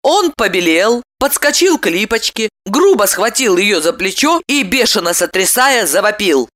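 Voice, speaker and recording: Expressive woman narrating an audiobook. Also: mid-range voice, normal speed. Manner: expressive storytelling.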